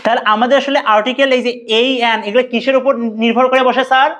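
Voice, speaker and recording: A woman runs a classroom lesson, questioning students in a brisk, coaxing way. Her voice sits a little on the high side. The lesson is recorded in the room with her pupils. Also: steady tone, fairly bright tone. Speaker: English teacher.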